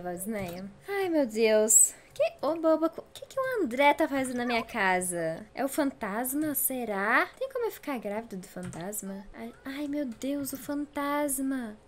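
A woman's voice: mid-range voice, a little hiss or hum. A woman giving casual gameplay commentary, chatty and exclamatory, talking straight to her viewers. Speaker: gameplay YouTuber.

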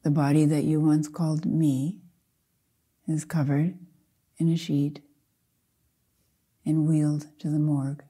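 A deep, husky voice with flat delivery belongs to an older woman leading a guided meditation as a Zen teacher. She speaks gently and softly in short, measured phrases, pausing at length between them.

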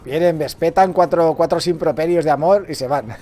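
A Spanish man with a Valencian accent giving casual, joking commentary as he plays a game, shouting and yelping when things go wrong. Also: fairly high pitch, a little fast. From Spain. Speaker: gaming streamer.

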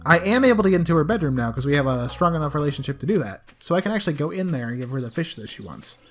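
A woman's voice: low voice, sing-song, rapid-fire. A young woman with a scratchy voice giving playful, chatty commentary as she hosts a let's play. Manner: playful, chatty, talks to game characters. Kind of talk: casual game commentary. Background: soft game music.

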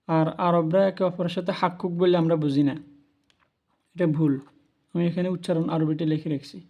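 A male language teacher gives a spoken lesson on Arabic pronunciation, moving unhurriedly and carefully and repeating every word so learners can keep up. His voice is high for a man but mellow and soft-edged, and he stays patient and instructive throughout.

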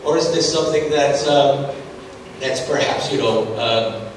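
A middle-aged conference presenter with a medium-pitched voice takes part in a Q&A discussion on stage, pausing often, hesitating, and restarting with plenty of fillers. His stage mic is picked up from far off, so the sound rings through a big, reverberant hall over a faint hum.

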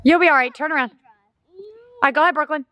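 A woman's voice: high voice, quick pace, bright, forceful tone. A woman filming a casual family vlog outdoors, coaxing and directing her kids.

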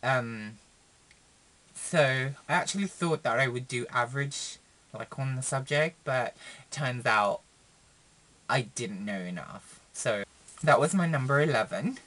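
A man's voice: measured pace, pauses often. A young man, chatting casually to his webcam in a small room, rambling with lots of fillers and restarts. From Philippines. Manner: chatty and rambling, many fillers and restarts, expressive pitch swings. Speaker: vlogger. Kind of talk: casual chat to camera.

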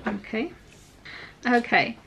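A woman's voice: fairly high pitch, slow, creaky, slightly rough, poor audio. A woman chatting casually at home during dinner as she patiently coaxes answers out of her young child. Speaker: mother and channel host. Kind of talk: casual home vlog chat. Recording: loud background noise.

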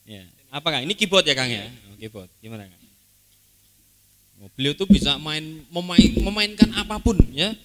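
A man's voice: a little high, expressive, fairly bright tone, rough recording. A man hosting a stage event, teasing and bantering playfully. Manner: playful, teasing, quick back-and-forth. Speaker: event host. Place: stage at a live religious gathering.

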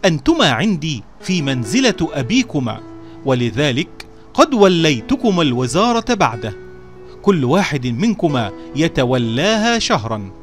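A man voicing a kindly, just king of old who speaks in a slow, solemn address. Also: on the high side, sing-song, faint music behind.

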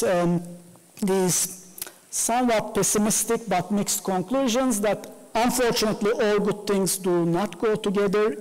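A man whose first language is Turkish gives an academic lecture from a lectern in a lecture room, gesturing as he talks and using many fillers. His voice is high, and the rough recording, picked up by a lectern mic and a far camera, has a long reverb tail.

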